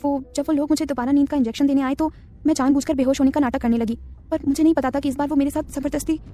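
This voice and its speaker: A woman's voice: high voice, steady tone, rapid-fire, mellow, faint music behind, natural voice. A woman voicing a timid, innocent young woman who turns whiny and sulky when scolded.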